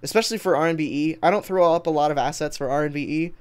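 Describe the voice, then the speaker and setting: An American man from Texas, a livestreamer and video editor, rambles and swears casually while reading and answering comments on his stream. His fairly high voice is very fast, clear and resonant.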